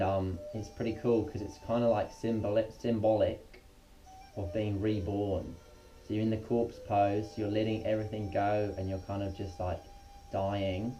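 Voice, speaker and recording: A man's voice: fairly low pitch, warm tone. A man leading a casual guided yoga lesson in a laid-back, slangy, unpolished way, as the instructor. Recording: muffled, dull lo-fi sound.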